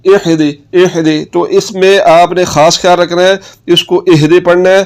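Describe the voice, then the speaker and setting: A man teaching Quran recitation rules, patiently repeating each word slowly for practice. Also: high voice, level tone, clear, resonant tone. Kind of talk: tajweed lesson.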